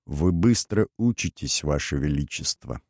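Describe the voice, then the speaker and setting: A man's voice: very deep voice, lively intonation, vocal fry, darkish tone, dry recording, clean studio sound, voice pushed down, heavily acted. A man doing a grave, wary mercenary colonel. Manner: slow, measured, deferential. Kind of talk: audiobook character voice.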